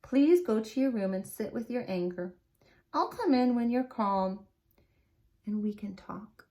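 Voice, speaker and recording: A woman voicing a patient grandfather who speaks calmly, firmly and gently. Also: a little high, moderate pace, lightly acted. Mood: gentle. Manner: calm, firm, gentle.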